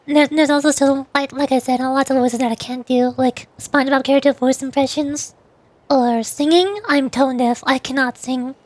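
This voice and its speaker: Talking about voice acting on her livestream, this streamer and amateur voice actor rambles casually, often repeating and correcting herself. Her voice sits high with a steady tone and a moderate pace, and there is no room sound.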